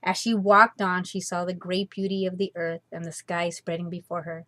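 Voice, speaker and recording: Reading a children's tale with theatrical expression, a lowish-voiced woman shapes each phrase deliberately as she tells the story.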